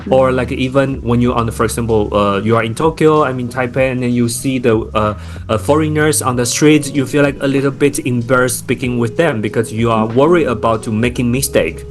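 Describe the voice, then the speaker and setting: A Taiwanese startup founder, a native Chinese speaker with a Taiwanese accent, appears as a guest on a podcast interview. His mid-range voice stays steady and runs a little fast. He's thoughtful, though full of fillers and restarts.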